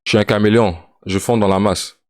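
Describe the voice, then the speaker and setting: A man's voice: on the low side, fairly even intonation, fast, dry recording. Man, streamer, casual joking reaction commentary, English slang, dry close mic. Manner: joking, mixes English slang into his talk. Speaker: streamer reacting to a music video.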